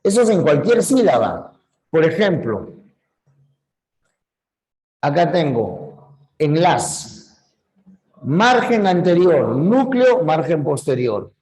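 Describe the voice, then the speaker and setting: A man's voice: on the high side, sing-song, slow pace, pauses often, a little mellow, rough recording. A man teaching a grammar lesson, explaining patiently and repeating key points, correcting himself when he slips. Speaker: language teacher. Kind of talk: slow classroom lecture.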